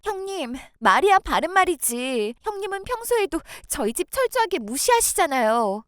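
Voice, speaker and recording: A woman's voice: high-pitched, fairly bright tone, no echo, studio quality. A woman voicing a proud young wife who answers politely but firmly and stands her ground. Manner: polite but firm, defiant. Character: proud young wife, side-dish shop worker. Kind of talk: talk-toon voice acting.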